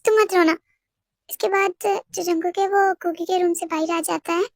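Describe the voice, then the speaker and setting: A woman narrates a fan fiction story in a plain, even manner. Her voice sits very high, and the recording is close and dry. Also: normal speed, dry recording.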